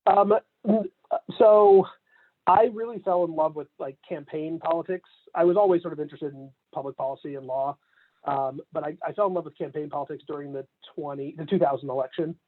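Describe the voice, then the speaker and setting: A campaign manager of about forty, from Canada but raised in Atlanta, talks casually in a remote interview, relaxed and laughing often between points with many fillers. His voice is on the high side and brisk, with phone-quality sound.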